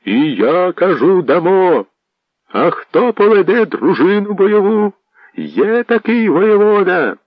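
A man voicing a proud bearded boyar rousing a crowd with loud, slow, commanding oratory in a radio audiobook reading. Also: fairly high pitch, big pitch swings, no room sound, pitched above the performer's own voice, heavily acted. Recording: dull lo-fi radio recording.

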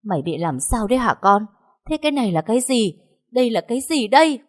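Woman putting on a shrill scolding mother-in-law. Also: sing-song, brisk. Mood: furious. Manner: shouting, scolding. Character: furious stern mother-in-law, older woman.

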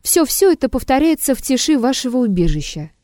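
A woman's voice: sits high, big pitch swings, fairly quick, warm tone, dry recording, studio quality, voice pushed up. A woman voicing a sneering insolent blackmailer. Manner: sneering and rude. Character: insolent, mocking male blackmailer.

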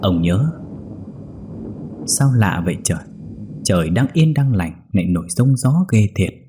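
A man's voice: fairly low pitch, big pitch swings, unhurried, mellow, a little hiss or hum. A man voicing a chatty, superstitious young village woman.

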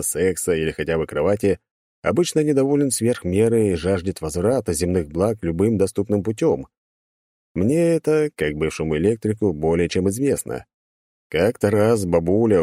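Low-voiced wry male narrator. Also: dark tone, dry recording, clean studio sound. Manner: wry, sardonic storytelling. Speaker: audiobook narrator. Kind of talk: scripted first-person narration.

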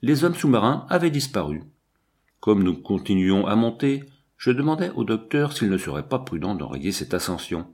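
A man reading an adventure novel aloud as an audiobook narrator, in an expressive, dramatic way. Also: lowish voice, moderate pace.

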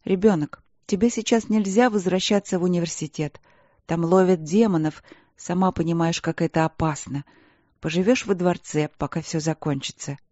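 A woman as a gentle, worried queen. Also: on the low side, moderate pace, no room sound, lo-fi sound, close to an everyday voice. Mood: soothing. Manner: soft, anxious, firm then yielding. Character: gentle worried young queen, older sister.

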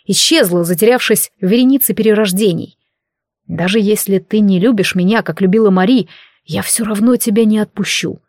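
A woman voicing a centuries-old male warlock king in an audiobook, speaking slowly and intimately in a teasing, possessive tone. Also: medium pitch, darkish tone, no room sound, studio quality, lightly acted. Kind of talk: audiobook character reading.

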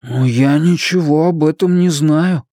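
Man doing a slow, simple young man. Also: on the high side, mellow, no room sound, studio quality, pitched above the performer's own voice. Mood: hesitant.

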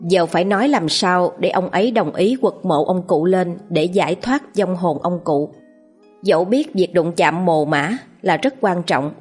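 A woman narrating a ghost story in a slow, steady reading voice. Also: lowish voice, slightly rough, soft background music.

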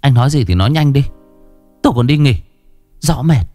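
A man voicing a defiant, contemptuous young wife in a horror story, raising his voice high and shrill. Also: very fast, warm tone, faint music behind, natural voice. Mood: dismissive. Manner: shrill, scornful retorts.

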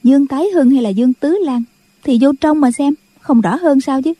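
A woman's voice: sits high, fairly quick, dark tone, dry recording, voice pushed up, natural voice. A woman voicing an amused young swordswoman who teases in a mocking way. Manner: teasing, mocking.

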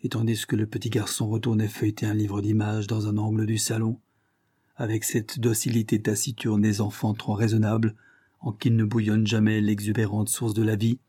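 Dark-voiced man narrating a classic novel. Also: on the low side, slightly rough, no room sound, clean studio sound. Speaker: audiobook narrator. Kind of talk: literary audiobook narration.

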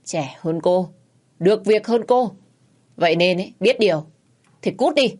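A woman voicing a greedy, cruel middle-aged stepfather who shouts and curses with contempt. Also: fairly low pitch, moderate pace, lightly acted. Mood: contemptuous.

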